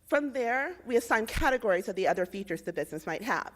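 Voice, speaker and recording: A young woman from Indiana giving a rehearsed policy pitch, with measured, persuasive delivery of facts and figures. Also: expressive. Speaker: presenter in a policy pitch competition.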